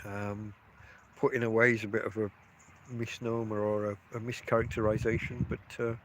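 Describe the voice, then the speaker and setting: A middle-aged solo podcaster, stuffy from a cold, rambles chattily outdoors by his tent at a field camp, interrupting himself as he goes. His voice is on the low side and a bit bright, with little pitch movement and normal speed. Audio quality is poor.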